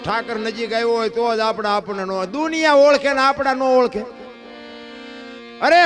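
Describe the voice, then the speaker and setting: A man giving a devotional folk discourse as a storyteller, firing rhetorical questions and swinging between loud and hushed. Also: sits high.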